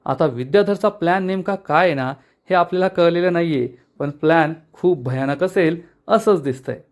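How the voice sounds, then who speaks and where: A man with a fairly high voice, recapping a TV serial episode. He tells the plot as an animated story. He quotes the characters' lines along the way. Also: moderate pace. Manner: animated storytelling, quoting dialogue. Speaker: TV serial reviewer.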